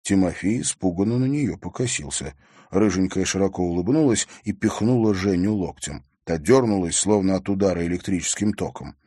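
A man narrating an audiobook with expressive storytelling. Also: low-pitched, fairly quick, breathy edge, no echo, clean studio sound. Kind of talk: scripted narration.

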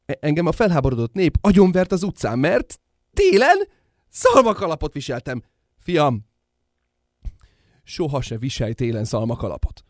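A man voicing the corpse of a dead father who lectures his son gravely, in a radio play. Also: a little high, wildly swooping pitch, pauses often, a little mellow, dry recording, clean studio sound. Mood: lecturing.

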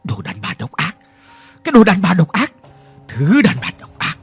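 A man's voice: a little high, very animated, a little slow, gravelly, darkish tone, husky, in a large hall, faint music behind, full character voice. A man voicing the vengeful ghost of a dead mother possessing a young woman, snarling with hatred in a ghost story. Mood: hateful. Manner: screeching, hate-filled snarling.

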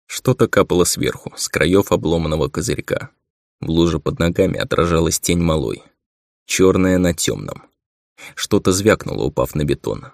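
A man reading a science fiction audiobook in a measured, subdued narration. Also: low-pitched, creaky, darkish tone, no echo, clean studio sound. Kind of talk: scripted narration.

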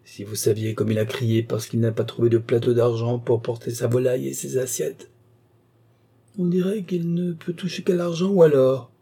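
A man's voice: mid-range voice, steady tone, moderate pace, gravelly, mellow, slightly rough. A man voicing a chatty old female country servant, telling her story in a breathless, exclamatory way, for an audiobook. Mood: indignant.

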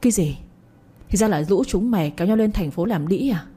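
A woman's voice: medium pitch, expressive, fairly quick, mellow, breathy edge. A woman reading an enraged old village father. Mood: furious. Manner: scolding, contemptuous. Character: angry older village father, harsh and scornful.

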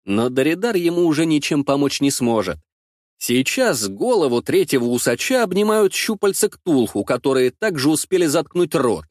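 A man narrating a first-person fantasy audiobook in a lively, wry storytelling manner. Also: a little high, normal speed, dry recording, studio quality.

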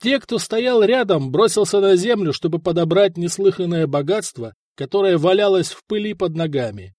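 A man reads a historical adventure aloud, shaping each sentence with dramatic color. His voice sits fairly high for a man and moves a lot in pitch. The sound is close and dry. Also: moderate pace, dry recording. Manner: expressive, dramatic storytelling. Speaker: narrator. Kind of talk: audiobook narration of historical fiction.

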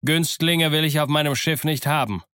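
A man's voice: medium pitch, moderate pace, fairly bright tone, no room sound, natural voice. A stern, curt ship's captain, read by a man narrating the book, barks short commands. His tone stays clipped and commanding, close to the reader's own voice. The sound is dry and close.

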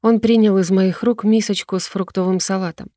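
A woman narrating a novel in first person with an even, measured reading. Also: mid-range voice, no echo, studio quality. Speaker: audiobook narrator.

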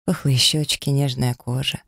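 A man's voice: medium pitch, steady tone, measured pace, gravelly, a bit bright, dry recording, studio quality. A man reading a first-person story as an audiobook narrator, dramatic and emotional.

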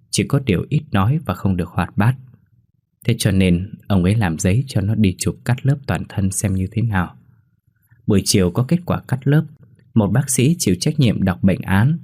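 A man reading a horror story in a steady, measured way. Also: sits low, slightly rough, no room sound, studio quality. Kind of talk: scripted horror narration.

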